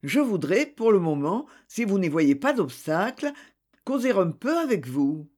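A reader voicing Francis, a calm, courteous male investigator who questions people gently but insistently. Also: mid-range voice, unhurried.

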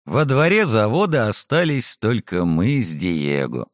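Slow, expressive male audiobook narrator. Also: lowish voice, no room sound, clean studio sound. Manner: wry, ironic, expressive. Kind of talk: first-person fantasy audiobook narration.

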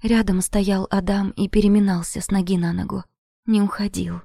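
A woman narrating a first-person romance audiobook in an intimate, breathy voice that often drops to a whisper. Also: medium pitch, flat delivery, moderate pace, mellow, dry recording, clean studio sound.

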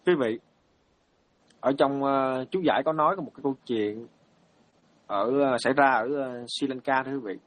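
A man's voice: medium pitch, normal speed, long pauses, fairly bright tone. A male Buddhist monk, telling a story in a dharma talk, hesitant with many fillers and repeated words.

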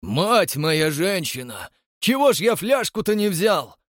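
A man voicing a loud, folksy gray-bearded older man who shouts out from the crowd. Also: sits high, sing-song, a little slow, no echo, clean studio sound, pitched above the performer's own voice, full character voice. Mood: astonished.

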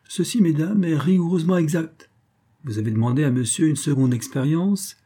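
A man's voice: on the high side, normal speed, mellow, pitched above the performer's own voice, close to an everyday voice. A man voicing a stern, dignified older general who speaks in a formal, firm way.

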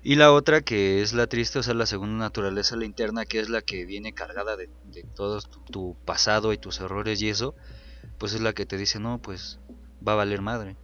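Man, podcast co-host, low voice, laid-back and reflective, muffled lo-fi audio. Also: brisk. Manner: relaxed, reflective, frequent fillers. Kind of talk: casual chat about song lyrics. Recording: dull lo-fi sound.

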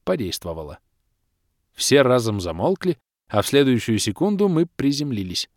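A man narrating a first-person fantasy audiobook with wry, lively storytelling. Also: medium pitch, moderate pace, no room sound, studio quality.

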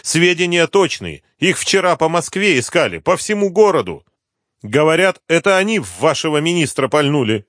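A man reading an audiobook, voicing a frightened, whining male drug addict with a high, pleading voice. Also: sing-song, normal speed, a bit bright, no room sound, studio quality. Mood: insistent pleading.

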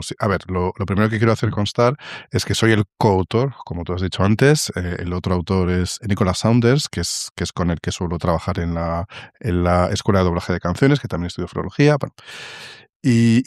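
A man answering interview questions, often restarting and filling pauses as he explains. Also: fairly low pitch, darkish tone, no echo, studio quality. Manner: hesitant, many restarts and fillers. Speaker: guest, song translation author. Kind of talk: interview conversation.

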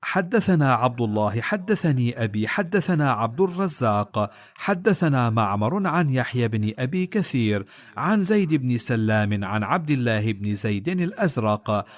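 Male reader for classical religious texts: measured and solemn, with a very animated, rising and falling melody in an average pitch. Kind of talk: formal reading of religious texts.

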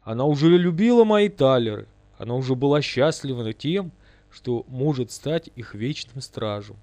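A man's voice: mid-range voice, expressive, moderate pace, a little mellow, no room sound. A man giving a dramatic, vivid first-person audiobook narration.

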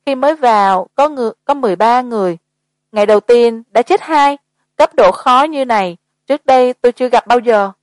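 A woman's voice: fairly high pitch, brisk, no room sound, lightly acted. A woman voicing a grown man who is crying and breaking down in panic in an audiobook story. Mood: desperate sobbing. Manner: desperate, wailing.

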